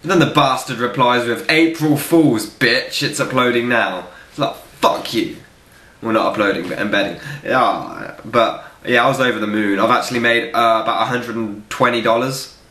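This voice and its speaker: A young man, a film reviewer, answering viewer questions in a casual vlog, blunt, joking and quick to swear. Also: medium pitch, bright, forceful tone. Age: young adult. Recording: echoey room.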